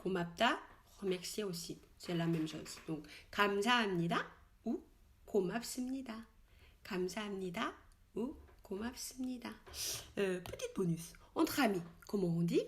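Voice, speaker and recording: A woman teaches in French with frequent fillers and restarts. She slowly repeats each expression several times so it can be copied. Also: mid-range voice, expressive. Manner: slow, repeated model pronunciations of Korean words. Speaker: Korean language teacher. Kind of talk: casual spoken language lesson.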